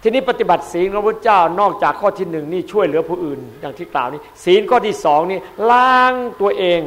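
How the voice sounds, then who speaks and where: A man, a Buddhist monk, giving a dharma sermon in an emphatic way, repeating key words and swinging between loud and soft. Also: high voice.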